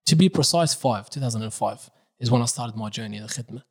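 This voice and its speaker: A young adult religious reciter, Iraqi by birth, walks through his life story in a laid-back podcast talk peppered with Arabic phrases. He has a mid-range voice and keeps a quick pace.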